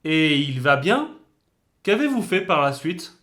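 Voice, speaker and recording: A man's voice: fairly high pitch, very animated, takes it slowly, fairly bright tone. A man acting as interviewer in a comic mock interview, politely formal but teasing.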